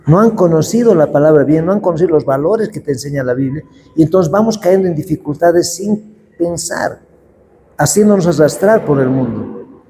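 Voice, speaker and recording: Warm-voiced pastor preaching. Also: male voice, fairly high pitch, lively intonation, a little hiss or hum. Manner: slow, deliberate scripture reading. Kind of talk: sermon. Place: church hall. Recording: long hall reverb.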